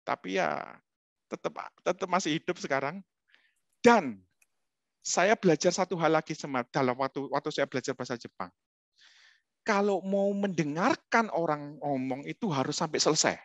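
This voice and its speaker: A middle-aged man giving a humorous, animated talk as a webinar guest speaker, speaking straight to his listeners. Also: fairly high pitch, normal speed, dry recording. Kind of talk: lively storytelling talk.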